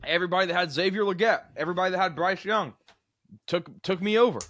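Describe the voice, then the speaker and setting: A young man co-hosting a casual sports podcast, animated and quick to laugh, often breaking off mid-sentence. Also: sits high. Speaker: podcast co-host.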